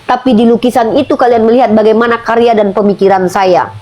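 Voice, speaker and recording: A woman making a religious argument in a debate, forceful, asking herself rhetorical questions and slowing down to stress key points. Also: on the high side, steady tone.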